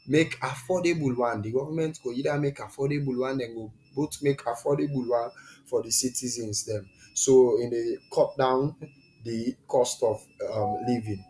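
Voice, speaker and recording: A man's voice: medium pitch, darkish tone, a little hiss or hum, poor audio. A man with a Sierra Leonean accent, teaching an informal online lesson in West African Krio-style pidgin English. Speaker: teacher and presenter of an online class.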